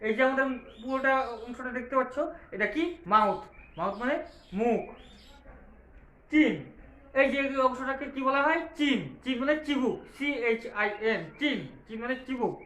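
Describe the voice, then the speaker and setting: High-voiced man teaching small children. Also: sharp tone. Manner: spells words out letter by letter and answers his own questions; patient, repetitive, slow explaining. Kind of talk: classroom lesson for young children. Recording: roomy, echoey room.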